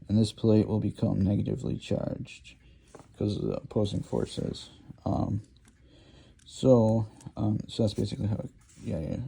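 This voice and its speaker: A man with a low, dark, gravelly voice talks through an informal lecture. He rambles and hesitates, filling gaps with ums and restarting his sentences as he draws. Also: fairly even intonation, a little slow. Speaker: lecture host.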